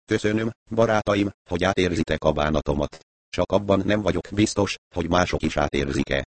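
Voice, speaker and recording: A man's voice: deep voice, no echo. A man putting on a grave, self-pitying gang boss. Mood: grieving. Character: remorseful middle-aged male gang boss.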